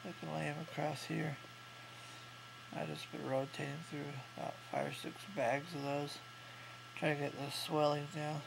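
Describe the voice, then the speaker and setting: Heavy vocal fry and little pitch movement mark this man's voice; he's in his thirties and a vlogger healing from jaw surgery. Congested and thick-mouthed, he can't breathe through his nose, and he talks haltingly and matter-of-factly, diary style. A clear hum and noise run through the home recording.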